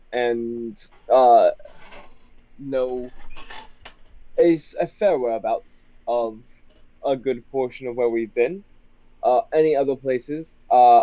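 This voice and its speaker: A man's voice: mid-range voice, no room sound. Man, group voice chat on a phone, muffled lo-fi sound, stiff formal officer roleplay. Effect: heard through group voice chat on a phone. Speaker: tabletop game player. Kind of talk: in-character roleplay and casual chat. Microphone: phone microphone. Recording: dull lo-fi voice chat audio, dry.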